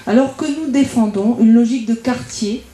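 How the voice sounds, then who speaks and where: In an echoey indoor meeting room at a public debate, a local campaigner with a French accent from France delivers a prepared political speech. Her voice is fairly high, dark in tone and at normal speed. She argues methodically, enumerating her points one by one.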